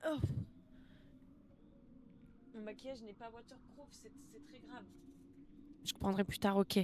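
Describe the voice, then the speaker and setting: A woman's voice: fairly high pitch, unhurried, a little mellow, slight background noise. A woman with a French accent streaming a game live, tearful, emotional, exclaiming and repeating herself.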